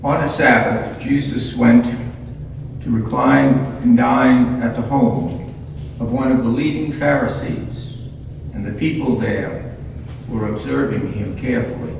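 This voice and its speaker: A man, a priest, reading the gospel and preaching at Mass in a measured, deliberate way, heard with a cathedral echo. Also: medium pitch, fairly even intonation, vocal fry, a little hiss or hum. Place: large church. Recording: distant, echoey church recording, slightly muffled.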